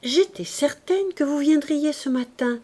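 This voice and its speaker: A woman's voice: sits high, measured pace, mellow, voice pushed up. A woman reading the lines of a coy, sighing young lady in mourning.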